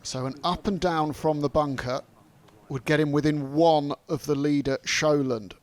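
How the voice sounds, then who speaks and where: Higher-voiced male golf commentator. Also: steady tone, moderate pace. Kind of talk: live play-by-play commentary.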